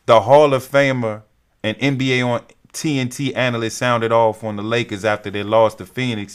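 A man's voice: medium pitch, fairly bright tone. Profane trash-talking sports fan man. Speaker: sports vlogger. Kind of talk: casual sports commentary.

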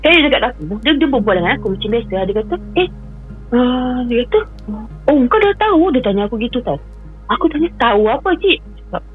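On a call-in show, a woman with a voice on the high side tells her own story fast and with lively intonation. English phrases slip into her telling and she repeats herself often; the sound is phone quality, with soft background music.

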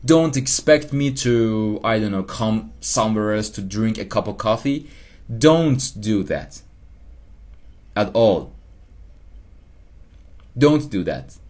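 Man, rambling self-help podcast talk, slow, animated rise and fall. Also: lowish voice. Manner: rambling, repeats himself, laughs at himself. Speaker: podcast host. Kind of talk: casual self-help monologue.

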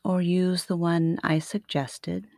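A woman guiding a sleep meditation like a sleep story narrator, soothing and unhurried, with long pauses between short phrases. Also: lowish voice, flat delivery, a little mellow, no echo, clean studio sound. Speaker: yoga nidra meditation teacher.

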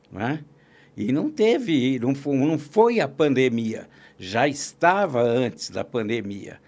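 Gravelly man, opinionated talker. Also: on the high side, a little mellow. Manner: talkative, opinionated, frequent restarts and fillers. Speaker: podcast guest, columnist and agribusiness consultant. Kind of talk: casual political conversation.

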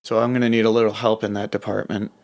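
A man's voice: fairly low pitch, level tone, fast talker, natural voice. A man playing a formal, stiff-spoken tribesman who is new to town in a tabletop game. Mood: dry formal.

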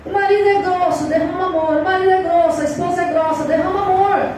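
A woman pastor with a Brazilian Portuguese accent preaching a sermon, animated, repeating phrases and asking rhetorical questions. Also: extremely high pitch, fast talker. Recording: echoey hall, voice far from mic, noisy.

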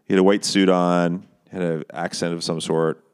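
A man's voice: deep voice, level tone, normal speed, clear, resonant tone. A man co-hosting a casual movie chat, enthusiastic and agreeable, retelling scenes. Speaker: podcast co-host.

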